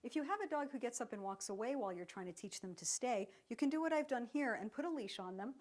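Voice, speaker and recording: Calm woman dog trainer explaining steps. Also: a little high, quick pace. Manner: calm, even praise voice while training a dog. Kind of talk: instructional demonstration.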